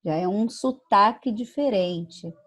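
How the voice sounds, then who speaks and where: A woman from Brazil teaches an online class at a steady middle pitch. She explains each point patiently and keeps checking that her students are following. Now and then she acts out a sample phrase. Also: slow. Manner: explanatory, checks understanding with "tá bom?" and "né?"; acts out regional phrases in quoted voices.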